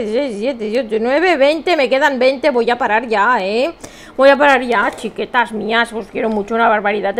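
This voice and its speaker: A middle-aged woman from Spain, a crochet channel host with a Spanish accent, rambling cheerfully in a casual live chat and reading viewers' comments aloud. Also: on the high side. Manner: chatty, rambling, self-mocking, reads viewer comments aloud.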